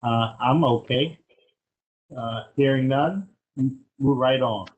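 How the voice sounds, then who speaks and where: A man chairing a council budget session, brisk and formal. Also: medium pitch, darkish tone, highs cut off. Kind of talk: chairing a meeting.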